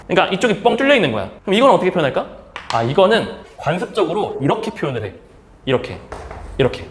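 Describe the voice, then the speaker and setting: Lively male math teacher, echoey room. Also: a little high, a little hiss or hum. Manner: asks and answers his own questions; casual, speaks in plain everyday talk to students. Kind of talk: math lecture.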